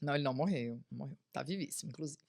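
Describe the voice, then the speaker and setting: A woman's voice: rumbling low, racing, creaky, a little mellow. A woman tells a personal story as a podcast guest on a studio mic. She acts out the voices of the people she quotes. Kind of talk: casual storytelling.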